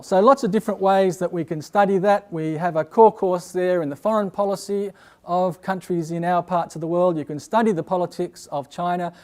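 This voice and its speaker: An Australian man giving a university open day talk as a lecturer, measured and pausing often with "uh". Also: on the high side, darkish tone. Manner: measured, with frequent "uh" pauses.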